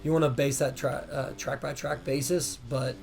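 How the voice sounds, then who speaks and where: A hoarse man hosting a gaming channel, talking casually over gameplay as he explains racing tips. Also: medium pitch, little pitch movement, moderate pace, a little mellow. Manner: laid-back, peppers talk with "man". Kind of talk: casual game tutorial voice-over.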